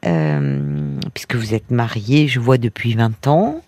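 A woman's voice: a bass voice, very animated, unhurried, no echo. Encouraging woman radio host. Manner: gently encouraging, frequent "oui" and "euh". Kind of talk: late-night call-in radio.

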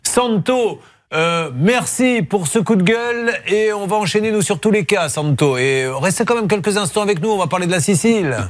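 A man hosting a radio call-in show in a lively, bantering way, teasing and often interjecting. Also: high-pitched, normal speed.

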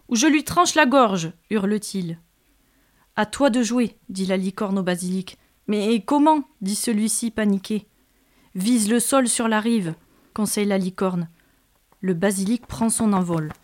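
Woman reading a storybook aloud. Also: medium pitch. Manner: expressive, lively reading with character voices. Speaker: storyteller from a media library.

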